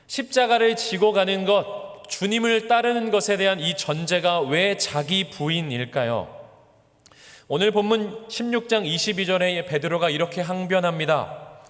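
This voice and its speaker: A male pastor delivering an earnest sermon, his voice swinging between raised emphasis and quiet low endings. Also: normal speed, big-room sound. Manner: earnest preaching with wide swings in pitch and loudness. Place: church sanctuary.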